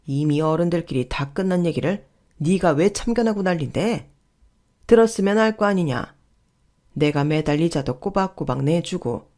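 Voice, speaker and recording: A woman voicing a blustering middle-aged uncle who lectures gruffly. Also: sits low, warm tone.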